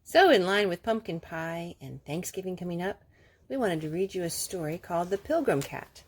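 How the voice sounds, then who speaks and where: In a clearly noisy home recording with clicks, a woman with a fairly low voice and lively intonation reads a children's story expressively at a moderate pace. She adds casual asides for the children as she goes.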